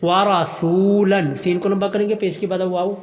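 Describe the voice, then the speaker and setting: A man teaching Quran pronunciation, chanting verses slowly and melodically, then explaining each letter quickly in plain speech. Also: high-pitched, flat delivery, warm tone, long reverb tail. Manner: slow melodic recitation alternating with quick explanation.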